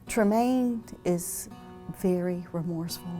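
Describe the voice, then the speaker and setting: A woman speaking earnestly and in a measured way in a documentary interview. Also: lowish voice, dark tone, faint music behind.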